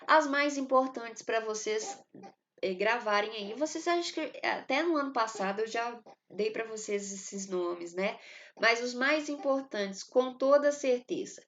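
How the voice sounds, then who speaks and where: A woman's voice: fairly high pitch, expressive, a little slow, a bit bright, a little hiss or hum. A woman teacher explaining poetry meter to her students, talking them through step by step with frequent fillers. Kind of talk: recorded class lesson.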